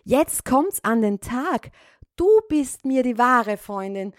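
A woman voicing a good-natured, trusting little female mouse in a storybook reading, earnest and quick to exclaim. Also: medium pitch, no room sound, studio quality, lightly acted. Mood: indignant.

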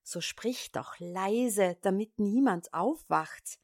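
A woman voicing two wary male thieves in a storybook reading, hushed and furtive. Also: medium pitch, slow, dry recording, studio quality.

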